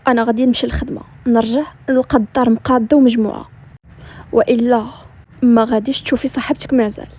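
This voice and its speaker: A woman's voice: on the high side, fairly even intonation, quick pace, dark tone, breathy edge. A woman with a Moroccan Arabic accent voicing a cold, harsh male mafia boss who talks in curt commands. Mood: commanding.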